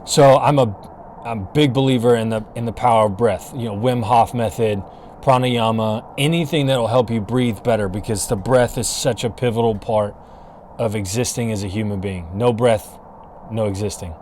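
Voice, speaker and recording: Out in the cold, a podcast host records his casual solo show on camera with a mic, earnest and encouraging but often restarting his sentences. His voice is on the low side and a little mellow, at a moderate pace, with slight background noise.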